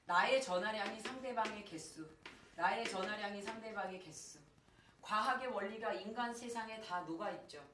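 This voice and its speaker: A woman in her thirties teaching chemistry to high school students, mixing the lesson with a personal story and often asking questions that she answers herself. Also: moderate pace, noisy background. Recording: echoey room, far from the mic, faint ambience.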